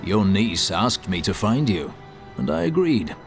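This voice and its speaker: A man's voice: lowish voice, sing-song, a little slow, gravelly, heavily acted. A man playing a stern, dutiful holy warrior in a fantasy video game, speaking in a terse, formal, resolute way. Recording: loud game music behind.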